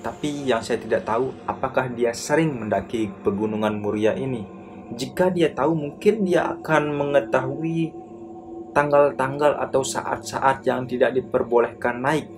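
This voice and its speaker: A man's voice: mid-range voice, moderate pace, music in the background. A man narrating a horror story in a casual, slangy first-person way, over a noisy background.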